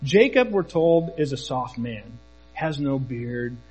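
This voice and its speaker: A man's voice: mid-range voice, expressive, slow pace, darkish tone, poor audio. A man who is a church elder, preaching a conversational sermon full of storytelling and jokes.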